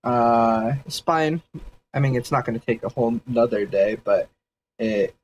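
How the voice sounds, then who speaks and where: During a livestreamed sketch session, a 3D artist thinks aloud, rambling and hedging with fillers as he explains his ideas. His medium-pitched voice is unhurried and darkish, heard through lo-fi sound with a little hiss or hum.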